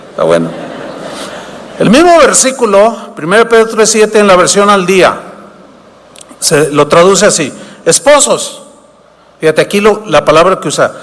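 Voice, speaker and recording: A man preaching from the pulpit, his voice sitting high for a man. He asks his listeners questions and slips into short acted exchanges. The sound rings with the long reverb of a large hall. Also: fairly bright tone. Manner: preaches with rhetorical questions, acts out dialogues. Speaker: pastor. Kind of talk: sermon.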